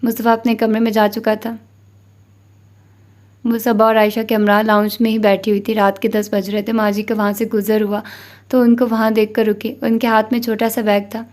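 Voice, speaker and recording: A woman narrating a novel as an audiobook reader, in an even, measured reading. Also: a little high.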